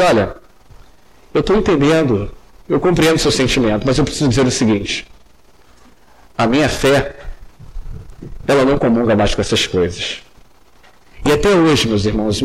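A young man delivers a sermon in an earnest tone. His voice sits high for a man. He often sinks low and soft when he turns to address the congregation. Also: low-quality recording. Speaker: preacher.

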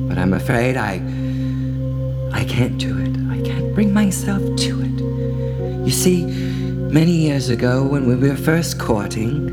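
A man voicing a desperate young woman client who talks in a hushed, halting whisper in a comedic audio drama. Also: medium pitch.

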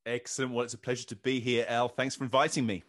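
A man's voice: medium pitch, little pitch movement, fast talker, a bit bright. A man speaking as a podcast guest, talking in a hesitant way with many fillers and restarts. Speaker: podcast guest, trade association founder. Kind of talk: casual interview talk. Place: based in Scandinavia.

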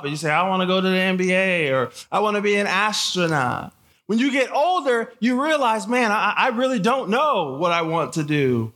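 A very high-pitched, fairly bright voice belongs to this man, a guest camp speaker and preacher who was born in Haiti and grew up in Michigan. Addressing teenagers live, the American talks in a conversational way, loosely repeating phrases and asking his listeners questions.

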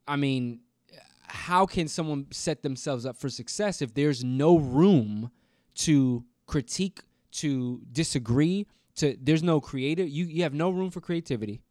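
A man co-hosting a casual podcast discussion, talking in an animated way and acting out quoted exchanges. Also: fairly high pitch, measured pace, no echo, clean studio sound. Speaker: podcast co-host.

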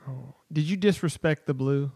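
A man co-hosting a casual chat, chiming in with quick reactions and jokes. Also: on the high side, gravelly, a little mellow, breathy edge, dry recording. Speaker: podcast co-host.

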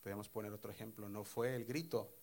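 A man preaching a sermon, retelling a Bible story with lively, acted-out quotes and sudden drops to a hushed voice. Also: lowish voice, quick pace.

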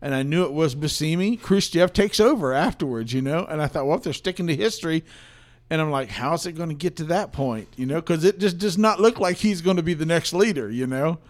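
A man's voice: fairly high pitch, lively intonation, brisk. A man co-hosting a casual podcast, telling stories about seeing films in a rambling way with lots of fillers. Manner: rambling, filler-heavy storytelling. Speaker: podcast co-host, film reviewer. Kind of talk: casual film review chat.

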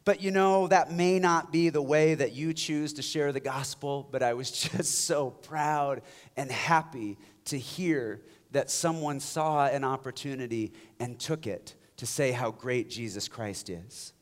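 A man preaching a passionate sermon as a pastor, swinging from loud exhortation down to hushed, near-whispered lines. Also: mid-range voice, unhurried.

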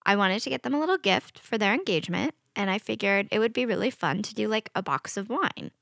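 A woman's voice: mid-range voice, lively intonation, a little fast, creaky, a bit bright, no echo, studio quality. A woman co-hosting a podcast in casual, bubbly chat with many fillers. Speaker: podcast co-host.

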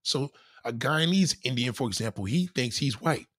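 A man's voice: mid-range voice, normal speed, no room sound, clean studio sound. A man rants bluntly and profanely to his live-stream viewers, reading out their comments. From New York. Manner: blunt, profane, animated street talk. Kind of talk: casual live-stream rant.

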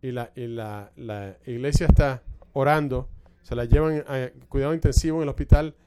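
A man's voice: mid-range voice, normal speed, warm tone, clear, resonant tone. A male pastor preaching a sermon, telling a church story with frequent restarts and repeated words.

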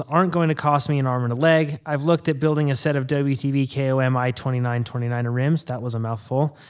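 A man hosting a casual podcast, relaxed and rambling, laughing often. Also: medium pitch. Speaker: podcast host.

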